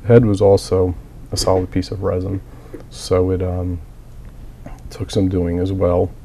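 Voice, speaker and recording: Here a miniature hobbyist, a man recovering from a cold, speaks a little slowly in a low, warm voice with flat delivery, while a little hiss or hum is audible. He coughs at times and plainly, methodically walks through a hobby build in a casual tutorial with frequent fillers.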